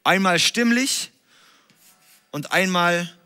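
An energetic male preacher teaches from a stage in a livestreamed talk, driving his points home and often ending them with a quick question to the listener. His voice is high and bright. A long hall reverb trails every line. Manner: energetic, emphatic, asks listeners tag questions.

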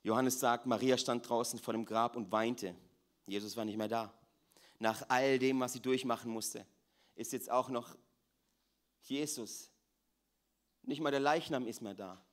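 A man's voice: mid-range voice, fairly even intonation, measured pace, long pauses. A man preaching a sermon, dropping to near-whispers and rising to fervent, raised appeals, repeating key phrases for weight. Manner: dramatic swings between hushed and raised voice, repeats phrases.

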